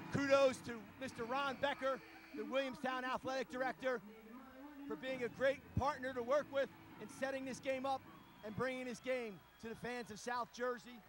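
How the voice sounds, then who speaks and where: A man calling live high school basketball play-by-play in a gym, in brisk, clipped calls that rise to shouts. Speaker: play-by-play announcer. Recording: crowd noise and hiss behind.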